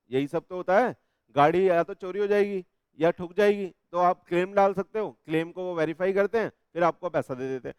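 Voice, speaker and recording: A man teaching a law class in Hindi, coaxing his students with frequent checks and reading legal text slowly. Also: sits high, darkish tone, smooth, dry recording. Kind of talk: classroom lecture.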